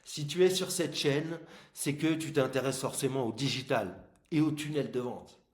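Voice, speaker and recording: In an echoey room, a man with a medium-pitched voice hosts an online marketing channel, talking at normal speed. His informal, emphatic explanation speaks straight to the viewer with examples, though plastic dental aligners slightly hamper his articulation.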